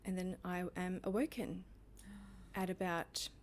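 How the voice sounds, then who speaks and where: Animated woman telling a story. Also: on the low side, a little slow, crowd noise. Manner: animated storyteller, laughs often. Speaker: podcast co-host. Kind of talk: casual storytelling chat.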